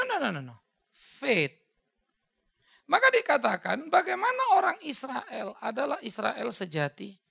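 A man preaching a sermon and answering questions, animated, slipping English words in and acting out quoted voices. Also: very high-pitched, gravelly, breathy edge. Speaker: pastor. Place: church hall.

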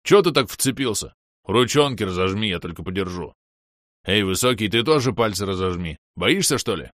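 A man voicing a burly, easygoing male half-orc warrior with a gruff, coaxing manner. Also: lowish voice, animated, normal speed, fairly bright tone, no echo, clean studio sound.

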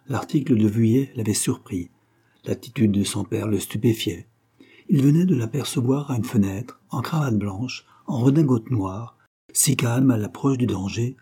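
A man narrating a classic novel as an audiobook, measured and expressive. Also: mid-range voice, breathy edge.

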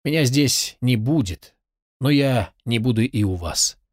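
Guy reading soft-spoken old man, quiet and humble, audiobook, dry sound. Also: medium pitch, lively intonation, a little slow, dry recording. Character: old gentle self-effacing man.

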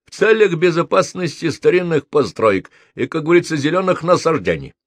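A man reading a story aloud and voicing an officious, condescending police sergeant in a flat, bureaucratic tone. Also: fairly high pitch, fairly quick, dry recording, pitched above the performer's own voice.

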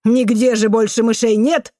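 A woman's voice: a little high, flat delivery, moderate pace, mellow, no room sound, clean studio sound, voice pushed up, lightly acted. A woman voicing a vicious, foul-mouthed old female caretaker who snarls and shrieks abuse. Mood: furious.

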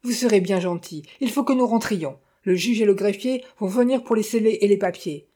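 A sharp-tongued middle-aged widow, voiced by a woman reading a storybook, her voice pitched up and pushed with complaint. She scolds and frets, grasping and bitter at once. The delivery rises into a shrill, needling register. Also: a little fast, close to an everyday voice. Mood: fretful. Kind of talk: audiobook character voice.

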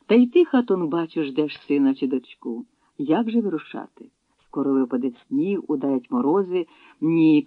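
A man's voice: on the high side, no room sound. A man reading a dignified steppe chieftain. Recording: tinny phone-like dry sound.

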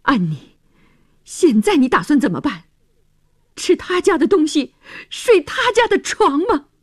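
A woman playing a furious young man in a spoken story, his accusing lines pushed up high and loud, swinging widely in pitch. The voice is slightly husky and dry, close to the mic. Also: very animated, measured pace, dry recording, exaggerated voice. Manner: bitter, accusing, raises voice. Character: angry young man confronting his sister.

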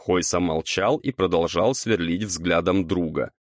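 A man narrating a fantasy audiobook with lively storytelling. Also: deep voice, measured pace, no echo, clean studio sound.

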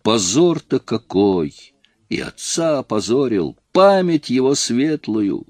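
A man's voice: low-pitched, very animated, a little slow, no room sound, studio quality, heavily acted. A man voicing a nervous, drunk middle-aged factory worker who wheedles and pleads. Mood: tearful pleading. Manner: whining, wheedling, then pleading.

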